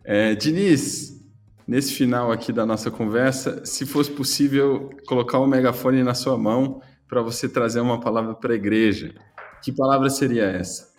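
A man's voice: mid-range voice, normal speed, soft background music. A man with a Brazilian accent hosting a podcast in a casual, chatty style. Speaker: podcast host.

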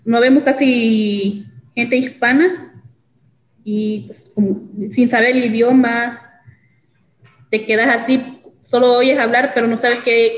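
A young woman from El Salvador, telling her own story as an interview guest in a halting way, with many fillers and restarts. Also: fairly high pitch, echoey room, rough recording. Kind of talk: hesitant personal testimony.

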